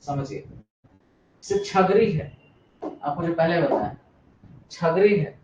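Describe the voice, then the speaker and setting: A male teacher dictates notes to his class in a slightly high voice, going back over each point and checking that the students understand. He is recorded from across an echoey room, so the sound is dull and carries a faint hiss. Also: slow, darkish tone, distant mic. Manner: repeats and dictates notes, asks students if they follow. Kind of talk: classroom lesson.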